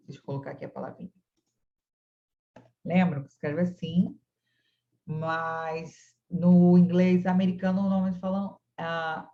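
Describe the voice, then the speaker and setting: A woman's voice: sits low, lo-fi sound. A woman from Brazil teaching an online English class, patiently and encouragingly modelling words for her students over a video call.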